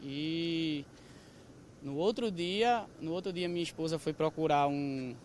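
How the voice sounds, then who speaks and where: A man's voice: on the high side, a little slow, a little hiss or hum. Hesitant male interviewee outdoors. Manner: plain, hesitant retelling with fillers. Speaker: crime victim interviewee. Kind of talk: recounting events in an interview. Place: outdoor parking lot. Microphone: reporter's handheld mic.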